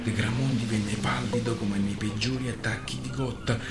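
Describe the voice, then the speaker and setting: A man's voice: lowish voice, fairly even intonation, normal speed, gravelly. A man giving a theatrical radio reading of a novel. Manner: theatrical narration. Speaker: radio reader. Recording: roomy with music behind.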